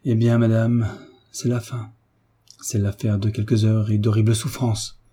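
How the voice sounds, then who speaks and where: A man voicing a gruff, affectionate old family doctor who speaks brusquely and heartily. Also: on the low side, level tone, a little slow, mellow. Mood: grave, stern.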